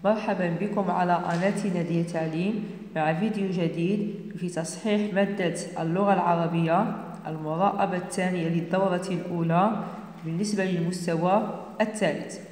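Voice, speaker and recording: A woman teacher with a Moroccan accent correcting a primary school exam, dictating slowly and repeating each word. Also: lowish voice, fairly even intonation, a little mellow. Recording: echoey room with long reverb.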